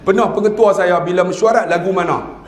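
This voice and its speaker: High-voiced joking northern Malaysian preacher. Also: male voice, brisk, slight background noise. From northern Peninsular Malaysia. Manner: jokey, quizzes the audience, mimics regional dialects. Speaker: religious lecturer. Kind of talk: humorous religious talk. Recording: echoey hall.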